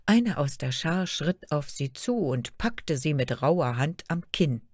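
A woman reading a fairy tale aloud as a storyteller, measured and expressive. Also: low-pitched, dry recording, clean studio sound.

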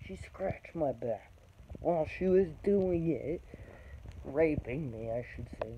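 Young man telling a painful story, halting. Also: lively intonation. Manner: blunt, halting, swearing, emotional. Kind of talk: personal testimony to camera. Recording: dull low-fi recording with background noise.

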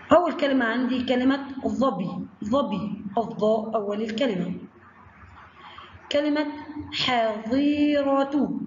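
Egyptian woman teaching phonics slowly. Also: fairly high pitch, a little mellow. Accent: Egyptian Arabic. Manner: slow drawn-out syllables, addresses children directly. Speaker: primary school teacher. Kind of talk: recorded online phonics lesson for children. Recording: echoey room, dull lo-fi sound, faint noise.

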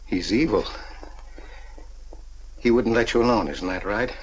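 A man's voice: on the low side, unhurried, a little hiss or hum, close to an everyday voice, rough recording. An actor playing a lovesick middle-aged man in a 1940s film, stammering and pleading.

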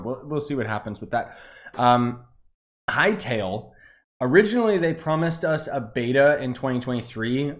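A man rambles through a casual gaming vlog in an easygoing, filler-heavy way. His voice sits at an ordinary middle pitch. It bounces with heavy echo and reverb, as if recorded in a big, bare room. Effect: echoey reverb in the room. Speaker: gaming YouTuber.

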